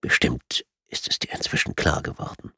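Man whispering as a calm sadistic torturer. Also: dry recording, studio quality. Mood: quiet menace. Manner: soft, menacing whisper, slow and deliberate. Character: calm sadistic male torturer posing as surgeon.

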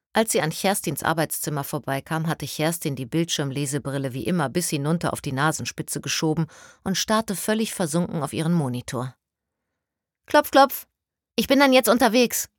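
Woman, low pitch, calm, even, audiobook narration, dry close mic. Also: dry recording.

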